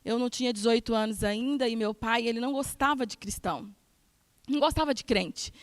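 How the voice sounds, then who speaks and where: A woman giving a sermon testimony in church, earnest and emphatic, moving between soft and loud passages. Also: fairly high pitch, a little fast, no room sound. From Brazil.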